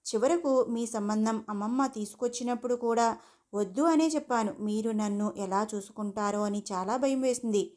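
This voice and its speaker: A woman voicing a gentle young wife who talks in a soft, earnest, confiding way. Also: a little high, normal speed, close to an everyday voice.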